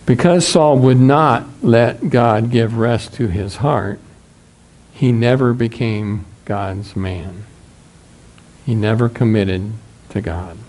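A man in his sixties with a Midwestern American accent, preaching a sermon in a small church and reading scripture at a measured pace. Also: medium pitch, darkish tone. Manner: measured, reads scripture aloud from a booklet. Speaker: pastor.

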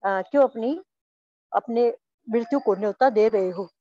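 A woman voicing a proud, quick-tempered young warrior as she reads a story lesson aloud. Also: a little high, mellow, dry recording, lo-fi sound. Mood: proud, angry. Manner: stern, commanding reading.

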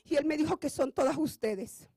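A woman pastor preaching a sermon with passion, often building to shouts. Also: high-pitched, moderate pace, gravelly, dry recording. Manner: impassioned preaching that rises to shouts.

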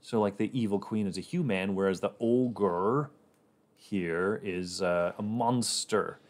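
A man's voice: fairly low pitch, slow pace. A man casually talking through his moves in a board game on a livestream, rambling and laughing often.

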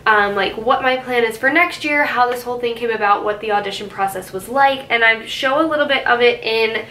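A woman's voice: on the high side, brisk, sharp tone, roomy sound, slight background noise, low-quality recording. A young woman in her twenties talking casually to camera in a vlog, full of "like" and little asides. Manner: chatty, filler-heavy, with "like" and "I guess you could say". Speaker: vlogger. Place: car, then bedroom at home.

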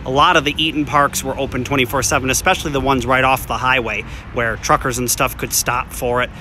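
A chatty man films on his phone at arm's length, offering easygoing walkthrough commentary outside an empty restaurant and then a food review inside a diner, thinking aloud with ums. His mid-range voice is fairly quick, pushed and bright, with fairly even intonation and a slight hiss or hum.

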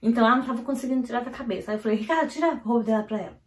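A woman from Brazil, vlogging at home and telling a family story in a hurried, animated way, full of "então, assim" fillers. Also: fairly high pitch. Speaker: vlogger and mother. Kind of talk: casual storytelling to camera. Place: at home, indoors. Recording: roomy echo of a home room.

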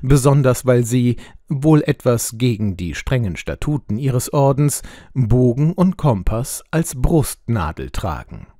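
Guy reading a know-it-all detective, precise, dark mellow tone, dry sound. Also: mid-range voice, a little slow, no room sound. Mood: explaining. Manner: precise, explanatory, lively intonation. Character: sharp, lecturing male detective, middle-aged. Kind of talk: audiobook role reading.

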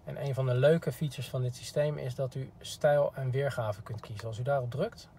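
Inside a parked car, a car product expert demonstrates something in a polite, informal way. He speaks in a warm, steady mid-range voice at a moderate pace, and the recording has a clean background.

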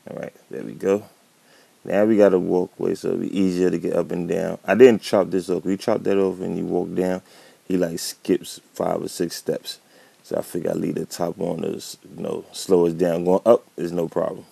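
With a low, creaky, warm voice and a breathy edge, a gameplay commentator who is catching a slight cold talks casually while building in a game, thinking aloud as he goes. The recording has no room sound.

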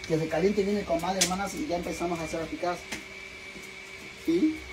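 A man's voice: high voice, fairly even intonation, brisk, music in the background. A man with a Mexican accent talking in a casual cooking vlog. He is dramatic and chatty, swears freely, and keeps calling his viewers sisters. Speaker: vlogger.

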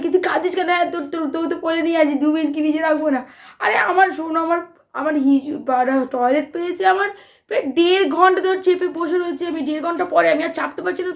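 Chatting casually on her home vlog, a tired young mother rambles and worries, restarting often because she hasn't slept enough. Her voice sits high and sounds gravelly.

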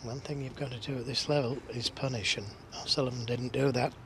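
A man's voice: mid-range voice, fairly even intonation, brisk, creaky, a little hiss or hum. A man giving analytical snooker commentary during a match.

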